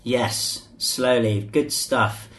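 A man's voice: medium pitch, very slow, a bit bright. A man co-hosting a casual podcast, chatty and prone to repeating himself. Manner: chatty, repeats himself, sings a short jingle. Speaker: podcast co-host.

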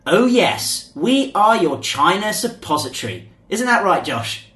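A man's voice: sits high, big pitch swings, unhurried, fairly bright tone. A man hosting a podcast with upbeat, casual banter. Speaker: podcast host. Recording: roomy echo, faint music behind.

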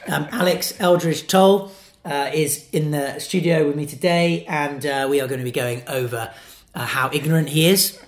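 A man with a croaky, froggy voice from too much talking hosts a casual podcast in a teasing, jokey way. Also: fairly high pitch, normal speed, reverberant. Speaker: podcast host. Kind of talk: casual unscripted podcast chat.

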